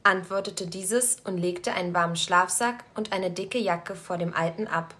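A woman narrating a story aloud in a calm, measured storytelling voice. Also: lowish voice. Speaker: story reader.

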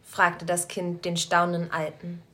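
A woman narrating a story aloud in a calm, measured storytelling voice. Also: lowish voice. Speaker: story reader.

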